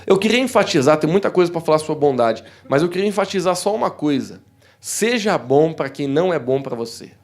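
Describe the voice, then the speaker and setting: Young Brazilian man preaching, fairly high voice. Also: fairly quick. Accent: southern Brazilian Portuguese. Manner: warm, conversational preaching, addressing the congregation as "queridos"; animated storytelling that acts out quoted voices. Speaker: pastor. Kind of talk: sermon. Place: church hall.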